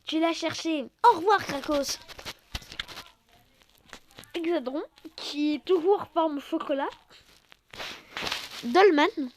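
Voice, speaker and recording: A woman hosting a card-collecting channel, reviewing a new set in casual commentary, exclamatory, playful and self-mocking, sometimes loud and then dropping to soft asides. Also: high voice, takes it slowly, pauses often, a little hiss or hum.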